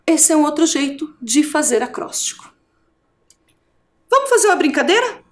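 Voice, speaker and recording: Lively high-voiced Brazilian woman teaching. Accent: Brazilian Portuguese. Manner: sing-song, drawn-out words when modeling rhymes; checks in with "certo?" and "ok?". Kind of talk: recorded video lesson.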